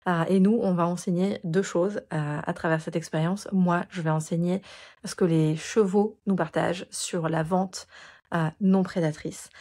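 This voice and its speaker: A woman hosts a podcast in a relaxed, sincere tone. Her voice sits a little low, and she often pauses and restarts mid-sentence while gathering her thoughts. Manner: earnest, hesitant with many fillers. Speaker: podcast host. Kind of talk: casual interview and promo.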